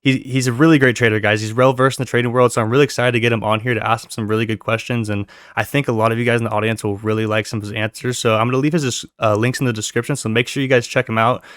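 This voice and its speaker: Upbeat male host, rapid delivery, dry mic, loose casual chat. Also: medium pitch, flat delivery, fairly bright tone, clear, resonant tone, no echo. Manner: enthusiastic, loose, uses filler words. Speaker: podcast host. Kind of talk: casual podcast interview.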